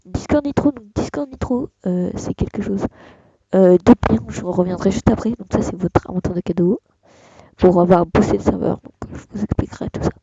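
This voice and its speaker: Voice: mid-range voice, normal speed, creaky, mellow, breathy edge, no room sound, lo-fi sound. A young speaker giving a casual screen-recorded tutorial, hesitant and full of fillers. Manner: hesitant, many fillers and restarts. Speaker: tutorial host.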